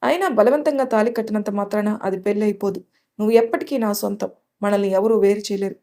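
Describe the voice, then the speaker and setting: A woman's voice: medium pitch, fairly even intonation, quick pace, warm tone, natural voice. A woman voicing a heartbroken young man who pleads with his former love in anguish. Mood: pleading.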